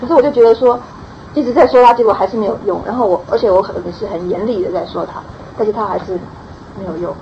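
A woman with a gravelly, creaky edge to her voice, talking quickly as she reflects on her parenting with some self-criticism. The recording is dull and lo-fi, with faint ambient noise behind her. She sounds hesitant, as if thinking aloud. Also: mid-range voice. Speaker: mother sharing experience. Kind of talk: group sharing, asking advice.

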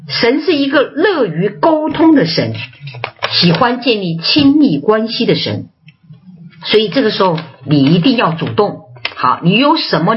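A woman preaching a sermon, telling personal testimony in an animated, chatty way. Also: mid-range voice, lo-fi sound, a little hiss or hum.

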